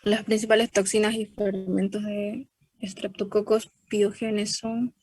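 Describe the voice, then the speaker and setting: A woman's voice: medium pitch, little pitch movement, a little slow, darkish tone, husky, no echo, low-quality recording. A woman medical student on a video call, eager to answer and reading a question aloud. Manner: eager, keeps asking to answer.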